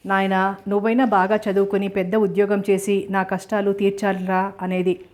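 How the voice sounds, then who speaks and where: Woman doing a young man's sad life story, steady level storybook reading. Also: mid-range voice, moderate pace, natural voice. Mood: rueful. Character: young man recounting his family's misfortunes.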